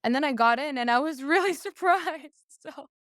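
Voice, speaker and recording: This guest is a young adult violinist, a native Persian speaker, chatting candidly with plenty of fillers in a casual podcast. She sounds high-pitched, expressive and a bit bright at a moderate pace. The recording is dry and studio-grade.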